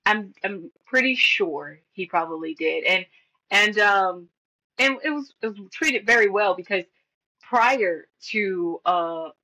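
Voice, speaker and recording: Young female podcast co-host, crisp bright tone, mid pitch, supportive and chatty. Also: expressive, slow pace, poor audio. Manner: supportive, rambling with fillers and restarts. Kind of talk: casual movie-rewatch chat.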